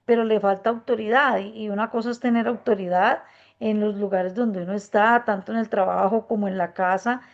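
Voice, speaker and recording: A woman, a workshop participant giving an earnest, reflective testimony, speaking softly and gently with many hesitant fillers. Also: mid-range voice, steady tone, fairly quick, gravelly. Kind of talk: spontaneous testimony. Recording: muffled dull recording.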